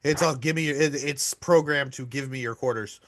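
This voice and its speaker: A man's voice: mid-range voice, normal speed, a crowd in the background. A man in his thirties co-hosting a casual gaming podcast, talking animatedly, swearing and laughing. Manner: animated, swearing, laughing, gets carried away. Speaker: podcast co-host. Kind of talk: casual chat.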